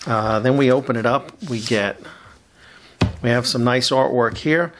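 A man in his fifties hosting a casual model kit build review from a home hobby room, talking in a relaxed, chatty way with many fillers. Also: medium pitch, measured pace, noisy background. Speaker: scale model builder, channel host.

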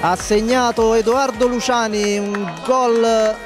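A man giving breathless, excited Italian football commentary, calling chances and goals. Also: extremely high pitch, takes it slowly, music in the background. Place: outdoors at a local football ground.

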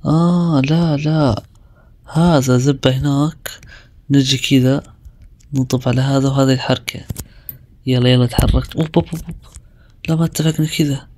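A man's voice: mid-range voice, fairly even intonation, darkish tone. Guy talking himself through a game, chatty, lots of little outbursts. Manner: chatty, talks himself through moves with quick exclamations. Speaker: gaming video creator. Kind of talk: casual gameplay commentary.

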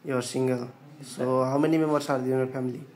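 A man conducts a job interview, firing short questions and echoing each answer back with an okay. His delivery is flat with little rise and fall. A faint hum of background noise sits under him. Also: mid-range voice. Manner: brisk, repeats answers back, says okay often.

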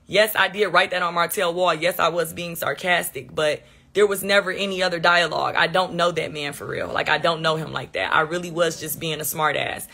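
A woman's voice: on the low side, bright, forceful tone. Sarcastic woman venting to her livestream. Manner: defensive, sarcastic, talking to chat.

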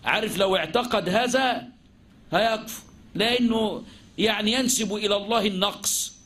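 A man's voice: high-pitched, normal speed, a bit bright, a little hiss or hum. A man with an Egyptian accent teaching Islamic jurisprudence, asking and answering his own questions and mixing formal and colloquial speech. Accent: Egyptian Arabic. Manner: mixes formal classical phrasing with colloquial speech. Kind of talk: religious lesson.

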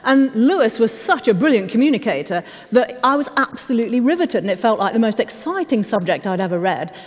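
A woman's voice: a little high, very animated, fairly quick. A middle-aged woman on a discussion panel, talking in a reflective, somewhat hesitant way in a large church hall. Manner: warm, reflective, hesitant with ums. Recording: long hall reverb.

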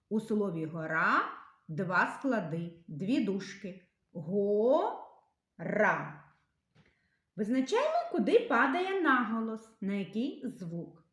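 A woman teaching young children to read and write, enunciating sounds and syllables slowly and clearly. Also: a little high, roomy sound. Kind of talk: literacy lesson for young children.

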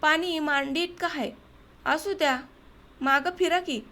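A woman's voice: high-pitched, measured pace, pushed and bright, heavily acted. A woman reading as a fretful village woman. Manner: fretful, scolding. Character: anxious village woman, sharp-tongued. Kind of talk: audiobook dialogue reading.

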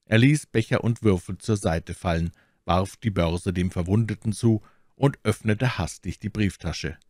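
Man, audiobook narrator, measured storytelling, fairly low voice, dry close recording. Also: darkish tone, dry recording. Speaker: audiobook reader.

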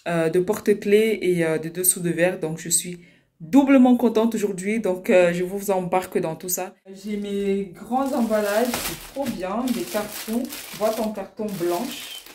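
A young woman chatting casually in a vlog, excitable and full of fillers and repeated words as she unpacks her orders. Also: mid-range voice, a little slow, few pauses. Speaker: small-business vlogger. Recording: echoey room with loud rustling noise. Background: crinkling packaging and clicks.

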